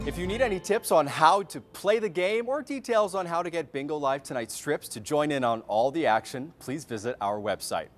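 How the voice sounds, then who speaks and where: A man with a fairly high voice hosts a TV game show over music. His delivery is polished and upbeat, like a live announcement to viewers. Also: expressive, moderate pace, hardly any pauses. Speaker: TV bingo show co-host. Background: music behind the voice.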